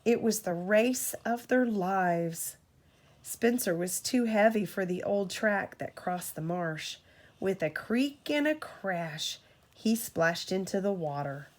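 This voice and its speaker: Her voice sits in the mid range as this woman, reading like a parent, narrates a storybook to a child with deliberate expression.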